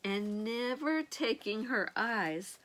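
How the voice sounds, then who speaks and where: Sweet older woman reading stories, unhurried and lively. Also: a little high. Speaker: grandmother reading picture books to children. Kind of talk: animated read-aloud storytelling with asides to young listeners.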